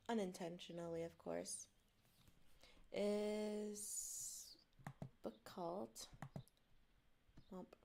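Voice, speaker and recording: A woman who isn't a native English speaker chats casually on a stream and reads a book aloud, sounding apologetic, rambling, and self-deprecating. Her voice is mid-range and darkish in tone, with vocal fry.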